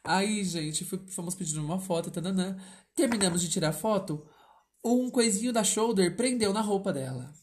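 A man's voice: high-pitched, moderate pace. A man with a Brazilian Portuguese accent co-hosting a casual chat, telling stories with lots of exclamations. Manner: animated storytelling with frequent exclamations. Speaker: podcast co-host. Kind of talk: casual chat among couples.

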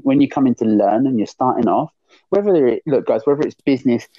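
A man's voice: mid-range voice, fast talker, no room sound. A man co-hosting a podcast, ranting in a rambling, exasperated way with some swearing. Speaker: podcast co-host. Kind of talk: casual podcast chat, ranting. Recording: dull lo-fi dry recording.

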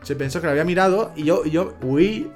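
Young man, casual podcast co-host, animated game stories, frequent restarts, faint music behind. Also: fairly high pitch, fast. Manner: animated storytelling, many restarts. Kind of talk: casual chat about video games. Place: home room, small setup.

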